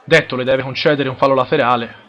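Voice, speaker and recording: A man with an Italian accent giving live football play-by-play, measured and halting, in short phrases. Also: medium pitch, steady tone, dull audio. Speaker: football match commentator. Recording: crowd noise behind the voice. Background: crowd at a football ground.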